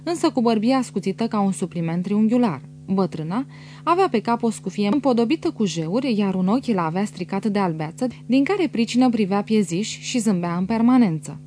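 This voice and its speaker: A woman narrating a classic novel in a measured, descriptive way in an audiobook recording. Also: mid-range voice, lively intonation, warm tone, a little hiss or hum. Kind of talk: scripted literary narration.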